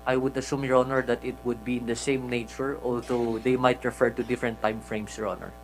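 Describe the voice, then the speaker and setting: Deferential lawyer answering the panel. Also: male voice, medium pitch, level tone, soft background music, low-quality recording. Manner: measured, deferential. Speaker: defense lawyer. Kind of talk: formal hearing testimony.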